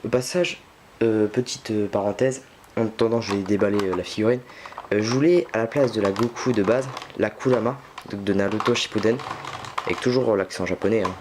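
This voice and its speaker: Young male vlogger, lowish voice, casual and halting, home camera recording with faint noise. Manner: hesitant, many fillers and restarts. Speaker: unboxing vlogger. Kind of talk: casual unboxing commentary.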